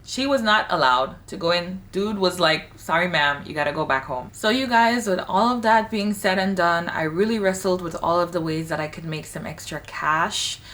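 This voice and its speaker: A woman's voice: on the low side, normal speed, few pauses, a bit bright, distant mic, slight background noise. A woman, talking candidly and emphatically to camera at home. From Saint Vincent and the Grenadines. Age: late 20s. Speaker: vlogger. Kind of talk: casual talk to camera. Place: home in Hong Kong, bathroom.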